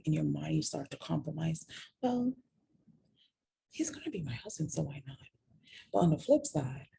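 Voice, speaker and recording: A woman's voice: deep voice, vocal fry, warm tone, slightly rough. A woman candidly recounting a personal story, reflective and self-mocking.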